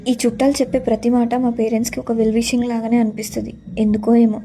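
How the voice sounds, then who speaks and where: A woman's voice: on the high side, flat delivery, fast, mellow, soft background music. Young woman telling a sorrowful story. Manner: earnest, sorrowful recounting. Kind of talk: first-person story narration.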